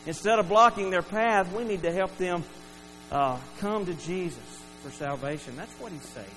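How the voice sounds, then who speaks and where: Man, earnest preacher, higher voice, reverberant hall, faint mains hum. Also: normal speed. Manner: earnest, acts out quoted lines. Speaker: pastor. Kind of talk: sermon.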